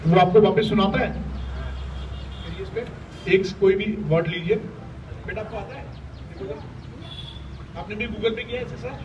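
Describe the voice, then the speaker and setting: Leading school students in an interactive workshop, a male facilitator keeps checking in and praising the class. He speaks high-pitched at a moderate pace, with fairly even intonation and frequent pauses, picked up by a distant, dull mic with faint room noise.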